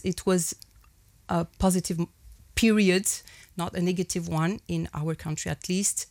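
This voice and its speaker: Gravelly-voiced woman from Mauritania. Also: fairly low pitch, no room sound. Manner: hesitant, searching for words with many fillers. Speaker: panel guest. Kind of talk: conversational recollection.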